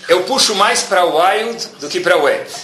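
A man, giving a sermon as a religious teacher and telling stories in a lively, animated way, often checking in with his listeners. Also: high-pitched, unhurried, a little hiss or hum. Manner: keeps asking "tá bom?" as a check-in. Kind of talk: sermon with storytelling. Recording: echoey room.

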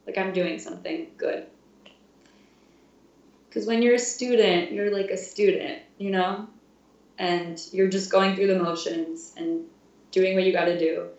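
A woman's voice: medium pitch, fairly even intonation, unhurried, long pauses, darkish tone. A woman in her twenties, a music therapy intern, chatting casually in an interview with frequent fillers and laughs. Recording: roomy, distant, dull sound.

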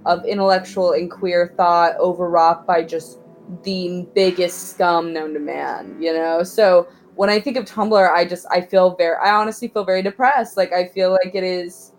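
A young American woman from Oklahoma in casual, opinionated conversation, halting and full of fillers but emphatic. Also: on the low side, fairly even intonation, faint music behind. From Oklahoma, United States.

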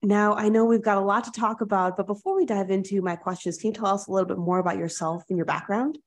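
A woman's voice: medium pitch, fairly even intonation, quick pace. A woman hosting a podcast interview, introducing her guest and asking questions in a polished, upbeat way. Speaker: podcast host.

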